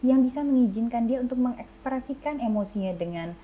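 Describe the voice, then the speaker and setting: Animated fast-talking woman counselor. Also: fairly high pitch, muffled recording. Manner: animated explainer, mixes English words into speech. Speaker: counselor guest. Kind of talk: casual podcast explanation.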